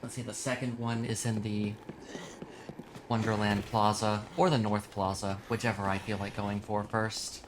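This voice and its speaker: A man's voice: lowish voice, level tone, normal speed, noisy background. A man who sounds just woken up, giving casual, sweary live game commentary and explaining as he plays. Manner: informal, sweary, explains as they play. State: groggy, just woke up. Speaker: game streamer.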